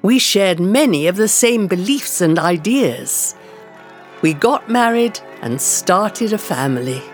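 Soft background music accompanies this earnest first-person storybook narration for learners, in which a woman voices a determined older campaigner for women's rights remembering her life. Measured and unhurried, she sets out every phrase clearly, with lively intonation that moves expressively up and down.

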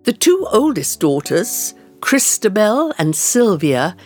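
A woman's voice: mid-range voice, big pitch swings, darkish tone, soft background music. A woman voicing a determined old suffrage campaigner. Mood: earnest. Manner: slow, clear, carefully measured delivery. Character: determined older woman suffrage campaigner recalling her life. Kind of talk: first-person storybook narration for learners.

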